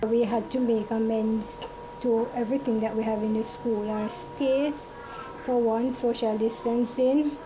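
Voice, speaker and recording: A woman's voice: a little high, steady tone, measured pace, noisy background. A woman preschool administrator answering a news interview in a plain, conversational way.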